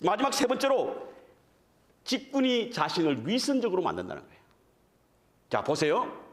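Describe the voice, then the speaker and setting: A man's voice: sits high, moderate pace. A man preaching a revival sermon as guest preacher, in a conversational style that keeps putting questions to the congregation. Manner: animated, addresses the congregation with frequent questions; conversational, self-deprecating asides.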